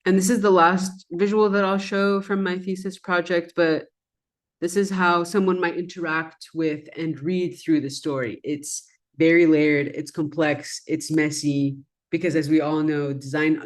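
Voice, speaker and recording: A low-pitched woman who speaks Arabic natively presents her research as a design educator, walking an audience through her work in an easygoing, reflective way. Her delivery is conversational rather than polished, like a slide-based talk, with frequent "um" and "kind of."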